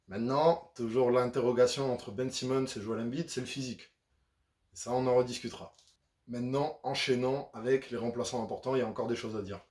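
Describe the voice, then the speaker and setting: A man's voice: mid-range voice, darkish tone, echoey room. A man giving a casual, chatty breakdown of basketball, talking in a loose conversational way with frequent fillers. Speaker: basketball YouTuber. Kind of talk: casual sports analysis.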